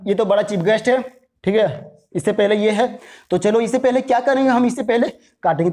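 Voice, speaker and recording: A man's voice: sits high, a little mellow. A man teaches a commerce math lesson in a chatty, friendly way. He keeps checking in with short tag questions and coaxes his students to call out their answers. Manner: chatty, repeats "theek hai", coaxes viewers to answer aloud.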